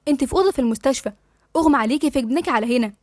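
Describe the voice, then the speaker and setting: A woman's voice: high-pitched, rapid-fire, darkish tone, no room sound, studio quality. A woman with an Egyptian accent voicing an affectionate, coaxing young woman friend in an audiobook. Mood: soothing. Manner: coaxing and teasing. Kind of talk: audiobook dialogue reading.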